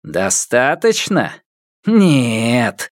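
A man's voice: mid-range voice, sing-song, very slow, dry recording, studio quality. A man doing a vengeful, taunting hostage-taker. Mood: barking vengeful. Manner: barking, taunting, menacing.

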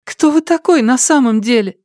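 A man voicing a wary, suspicious young village woman with a high, sharp voice in a Russian audiobook. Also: animated, moderate pace, no room sound, studio quality.

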